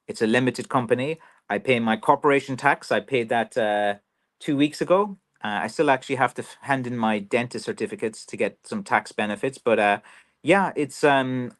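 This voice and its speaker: This Irish walking-stick maker has a lowish, fairly bright voice as he chats on a livestream, going through viewer comments. His talk is casual and rambling, heavy with fillers.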